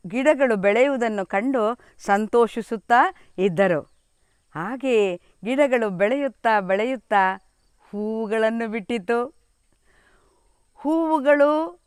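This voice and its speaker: A middle-aged woman reads a children's story slowly, in a smooth, clear voice. Her delivery is lively, and she keeps asking the young listeners questions. The recording is dry and close. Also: a little high, dry recording.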